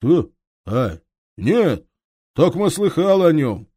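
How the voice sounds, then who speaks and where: A man's voice: a little high, sing-song, slow pace, mellow, breathy edge, voice pushed up, exaggerated voice. A man whining as a cowardly petty thief. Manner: whining, pleading. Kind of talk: audiobook character reading.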